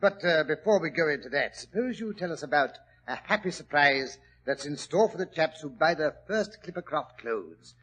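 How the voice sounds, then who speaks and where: A man playing Doctor Watson, a genial British gentleman telling a detective story on a 1940s radio drama. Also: a little high, animated, moderate pace, hardly any pauses, breathy edge. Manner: chatty, chuckling, mildly pompous British gentleman. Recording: old radio broadcast recording.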